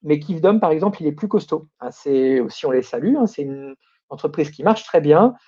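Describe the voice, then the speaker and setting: A man talks through domain news in a loose, opinionated way, grumbling and restarting his sentences often. His voice is dark and mellow, and the recording sounds a little dull and lo-fi. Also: fairly high pitch, lively intonation, a little fast, husky. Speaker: domain name news host. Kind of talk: casual news commentary.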